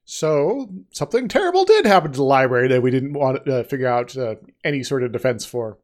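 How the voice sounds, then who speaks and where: A man's voice: medium pitch, sing-song, quick pace, darkish tone. A man co-hosting a podcast, chatting casually and joking as he reacts to a recap, laughing often. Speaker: podcast co-host.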